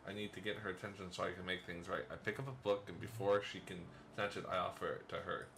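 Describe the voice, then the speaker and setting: A deep-voiced man reads a visual novel's narration aloud for a let's play, slipping in playful asides and small laughs. His voice sits low, with faint noise behind it. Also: steady tone, quick pace, fairly bright tone. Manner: first-person game narration, playful asides and chuckles.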